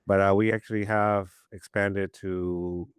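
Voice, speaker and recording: Deep smooth-voiced man. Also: a little slow, dry recording, clean studio sound. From Peru. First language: Spanish. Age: 50s. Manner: rambling, animated storyteller with many restarts. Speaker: poet, podcast guest. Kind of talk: casual storytelling interview.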